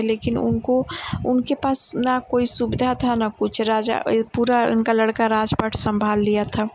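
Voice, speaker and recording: A woman's voice: a little high, a little mellow. A woman telling a moral folk tale informally, in a plain conversational way, repeating phrases for emphasis. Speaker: storyteller.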